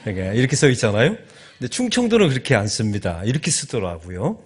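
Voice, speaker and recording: A middle-aged man from Chungcheong, speaking with a Chungcheong Korean accent, gives a lively, joking sermon as a guest pastor in a church sanctuary. His medium-pitched voice is fast and slightly rough.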